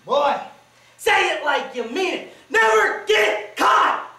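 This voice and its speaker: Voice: medium pitch, sing-song, measured pace, pushed and bright. A student performer playing a boastful, sly old country grandfather who lectures with a cackling folksy drawl, on a school stage. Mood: urging. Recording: distant echoey auditorium recording.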